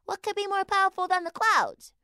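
A woman voicing an eager young female mouse, high and bright with lively questions. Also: a little fast, no echo, clean studio sound.

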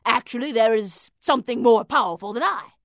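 A woman voicing a huge storm cloud that boasts loudly. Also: on the high side, brisk, no room sound, clean studio sound, natural voice. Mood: boastful. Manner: loud, boastful, hesitant when cornered.

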